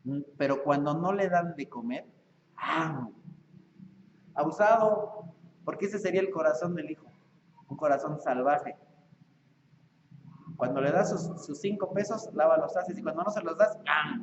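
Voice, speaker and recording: A man with a Mexican accent preaching a sermon as pastor, animated and acting out parents and children. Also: a little high, background noise. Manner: animated, acts out parents and children in quick voices. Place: church. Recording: echoey lo-fi church hall recording.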